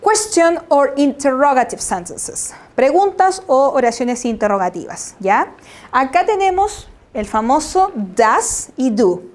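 Slow-paced high-voiced woman teacher. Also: sing-song. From Chile. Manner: patient, checks understanding with a frequent rising "ya?"; spells out English examples slowly before translating. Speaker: English teacher. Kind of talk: slide-based classroom lesson.

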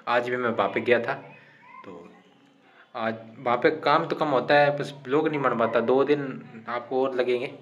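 A medium-pitched Indian man vlogs his day to camera, rambling in a chatty, repetitive way and often opening lines with "to." He starts outdoors by a house and then moves inside a small temple. The phone audio is dull and lo-fi, with faint background noise.

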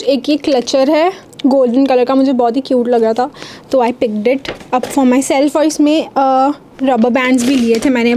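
Indian girl in her 20s doing a haul, high voice, talks super fast and mixes hindi and english. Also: mellow, a little hiss or hum. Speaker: fashion vlogger. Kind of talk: try-on haul chat.

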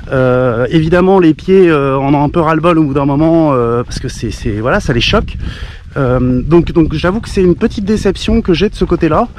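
A man's voice: on the high side, normal speed, slight background noise. A young man vlogging while walking a pilgrim route, rambling casually with many fillers, restarts and swearing. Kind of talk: casual walking vlog to camera. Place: outdoors on country roads and village streets.

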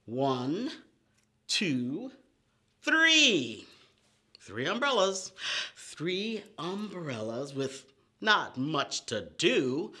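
High-pitched, pushed, and bright, the middle-aged host's voice fills an indoor storytime room backed by painted paper. He guides preschoolers through chants and counting rhymes, keeping everything exaggerated, simple, and repetitive.

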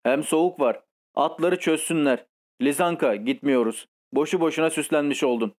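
Storybook figure: a bossy, spoiled old countess who scolds and commands, read by a man in a slightly high voice. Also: normal speed, close to an everyday voice. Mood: scolding. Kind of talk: audiobook reading.

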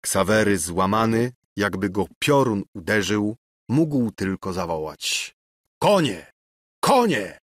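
A man narrating a classic novel in an expressive, dramatic reading. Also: lowish voice, unhurried, no echo, clean studio sound. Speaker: audiobook narrator.

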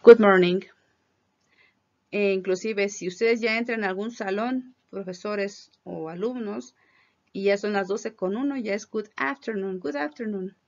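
A woman teaches English greetings and explains their pronunciation clearly, modeling each phrase slowly. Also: medium pitch. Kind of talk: classroom pronunciation lesson. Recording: dull lo-fi recording.

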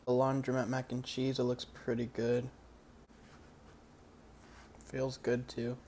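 A young man in his twenties doing a dry, deadpan comedy food review into a close-held phone camera indoors. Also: mid-range voice, slow, slight background noise. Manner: dry, deadpan, crude humor. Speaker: comedy vlogger. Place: small indoor laundromat by a window.

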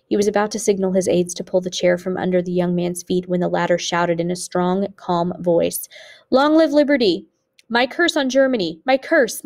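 A woman teacher narrating an audiobook in a steady, measured reading voice. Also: on the low side, vocal fry. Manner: steady, measured reading with occasional small slips.

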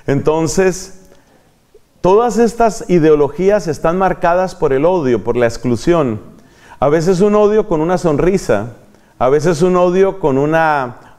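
Man, Colombian accent, preacher, retreat sermon, fairly high voice, repeats phrases. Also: a little mellow. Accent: Colombian Spanish. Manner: repeats key phrases for emphasis, asks and answers himself.

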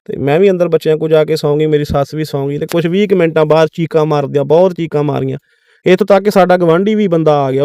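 Male devotional storyteller, quick, clear delivery, dry close sound. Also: fairly high pitch, a little mellow, dry recording. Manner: addresses listeners as Khalsa ji, repeats phrases for emphasis. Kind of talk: devotional retelling of a testimony.

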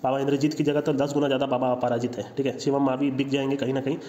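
A man's voice: medium pitch, level tone, rapid-fire, dark tone. A man giving casual, opinionated cricket commentary over slides, making confident predictions and dropping English phrases into his talk. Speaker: cricket analyst. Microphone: voice-over, no speaker seen. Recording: echoey, dull lo-fi room sound.

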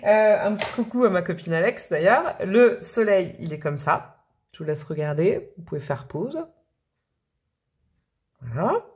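Woman, tarot reader, lowish voice, chatty and rambling to camera. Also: a little mellow. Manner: chatty, rambling, with fillers and laughs.

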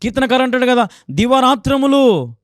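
A man's voice: very high voice, very animated, a little fast, dry recording, clean studio sound. A man preaching a sermon as a pastor, exhorting his listeners with repeated rhetorical questions.

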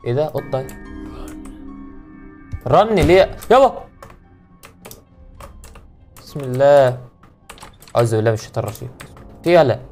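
A man's voice: medium pitch, sing-song, brisk, long pauses, darkish tone, soft background music. A young man with an Egyptian accent commentating a horror game, joking and muttering prayers when startled. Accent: Egyptian Arabic. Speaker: gaming YouTuber.

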